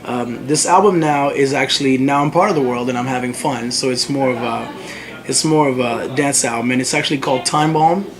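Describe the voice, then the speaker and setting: A man's voice: mid-range voice, fairly quick. Young man telling a story over crowd chatter. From Congo. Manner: animated storytelling, frequent fillers. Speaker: musician guest. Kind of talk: casual interview chat. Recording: noisy crowd behind.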